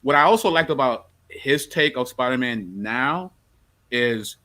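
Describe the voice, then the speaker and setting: A man's voice: medium pitch, animated, measured pace, bright, forceful tone. A man hosting a casual movie review podcast. He backs up the others often and keeps the talk moving. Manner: affirming, lots of back-channel agreement.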